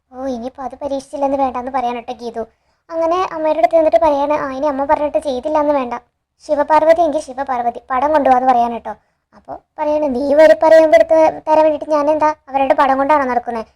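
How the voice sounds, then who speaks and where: A woman's voice: sits high, a little mellow. A woman casually retelling a TV serial episode in a chatty way, quoting the characters' lines and adding frequent tag words. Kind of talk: casual storytelling recap.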